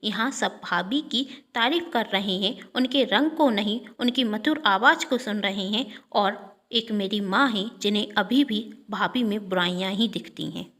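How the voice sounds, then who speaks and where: A woman's voice: medium pitch, moderate pace, fairly bright tone, lightly acted. A woman voicing a loyal, outspoken young woman who stands up for her sister-in-law, in a read-aloud story. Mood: coaxing.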